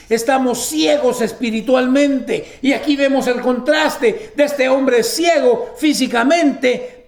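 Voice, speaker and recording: A man's voice: very high-pitched, gravelly, roomy sound. A man preaching a sermon, reading scripture aloud and breaking in with emphatic exclamations.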